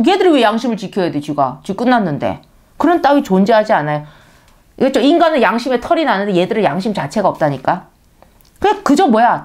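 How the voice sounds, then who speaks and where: A woman preaching a sermon in a conversational way, often asking her listeners rhetorical questions. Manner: animated, pitch leaps for emphasis.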